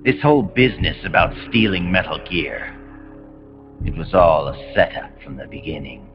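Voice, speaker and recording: A male actor with a deep voice gives a very animated performance as a cold, commanding rogue officer in a video game, a grandiose engineered super-soldier. His monologues are measured and imperious, delivered in a calm, lecturing mood. The dramatic voice acting comes through as dull, compressed game audio beneath loud music.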